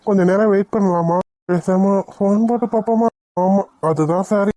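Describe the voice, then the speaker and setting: A woman's voice: medium pitch, normal speed, warm tone, no room sound, close to an everyday voice. A woman voicing a nervous, bashful, hulking young male doctor who mutters to himself in a cartoon. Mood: fretful. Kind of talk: cartoon voice acting.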